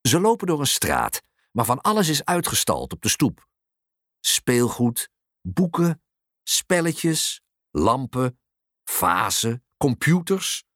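An expressive storyteller reading a children's picture book aloud at an unhurried pace. The voice moves lively through the pitch range. The recording is close and dry. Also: no room sound.

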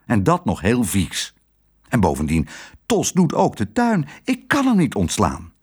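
A man voicing a gloomy, fretful middle-aged hotel owner in a storybook, complaining in a high, strained voice. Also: wildly swooping pitch, unhurried, husky, full character voice.

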